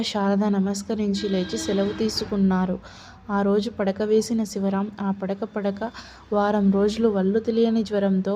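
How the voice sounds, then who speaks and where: A woman reads a story aloud in a steady, level voice with little rise and fall. Her tone is dark and mellow. The recording sounds dull and lo-fi. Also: medium pitch. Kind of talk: audiobook narration.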